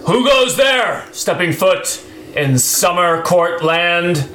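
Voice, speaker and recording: Man putting on a booming, arrogant centaur lord. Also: lively intonation, slow, exaggerated voice. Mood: imperious challenge. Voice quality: loud, booming. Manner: arrogant, lordly, archaic formal speech. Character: booming, imperious male centaur leader challenging trespassers. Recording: echoey room with clear background noise.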